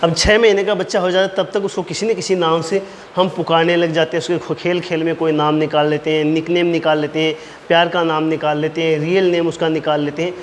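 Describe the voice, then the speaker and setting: A man teaching an exam-prep lecture, explaining point by point and slowly dictating key phrases, repeating them. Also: a little high, flat delivery. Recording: reverberant room with faint noise.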